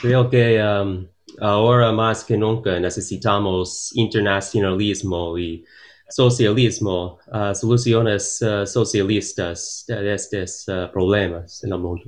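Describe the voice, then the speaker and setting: American guy speaking spanish w american accent, native english, low voice, real slow, hunting for words, casual interview. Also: steady tone. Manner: hesitant, searching for words.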